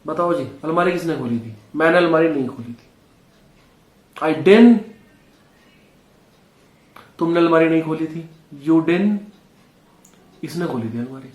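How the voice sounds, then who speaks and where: A man's voice: fairly high pitch, lively intonation, a little slow, pauses often, a little mellow, reverberant. A man teaching a spoken English lesson, patiently repeating drills and calling his viewers friends.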